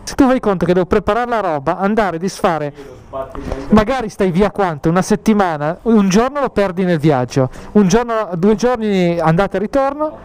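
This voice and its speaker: A man's voice: sits high, expressive, moderate pace, rough recording. A man with a northern Italian accent chatting casually and swearing jokingly from inside a motorcycle helmet. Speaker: vlogger. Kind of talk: casual chat. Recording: loud outdoor traffic noise, helmet mic.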